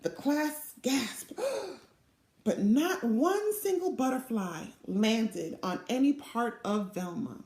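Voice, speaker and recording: A woman with a fairly high voice reads a children's storybook aloud, expressive and deliberate, taking her time with each phrase. It sounds recorded on a device mic in a small, echoey indoor office.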